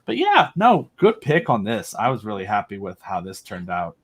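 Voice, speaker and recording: A young man appears as a podcast guest, chatting casually and enthusiastically in a rambling way packed with fillers and restarts. His husky, fairly low voice swoops wildly in pitch at a normal speed.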